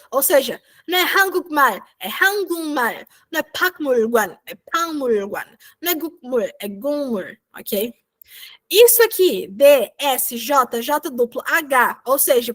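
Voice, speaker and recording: A woman's voice: high voice, a bit bright. A young woman teaching a language lesson over a video call, chatty, checking in with her students every few sentences. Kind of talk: online class explanation.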